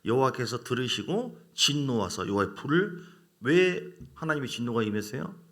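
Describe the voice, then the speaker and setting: A man preaching a midweek sermon with a gravelly edge to his voice. His pitch swings widely as he questions the congregation and mimics the voices he quotes. He delivers it with animated pulpit energy. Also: moderate pace. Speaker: pastor. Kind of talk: Wednesday evening sermon.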